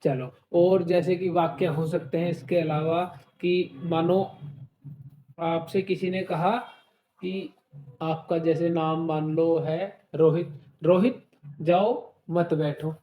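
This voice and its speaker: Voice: mid-range voice, little pitch movement, slow pace, dark tone, reverberant. A Hindi teacher leading an exam-prep class, explaining with everyday examples, asking questions and checking in often. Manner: asks rhetorical questions and says "ठीक है" often.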